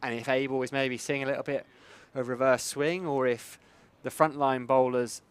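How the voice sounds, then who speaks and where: Male sports commentator, medium pitch, chatty live cricket call, discursive and thinking aloud. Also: steady tone, normal speed, clean tone.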